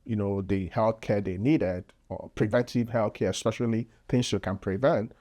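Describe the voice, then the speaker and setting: Man, Nigerian accent, lowish voice, earnest explainer, podcast guest. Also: fairly even intonation, normal speed, mellow. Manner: earnest, explanatory, with frequent fillers. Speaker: podcast guest, public health physician. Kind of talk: casual interview talk.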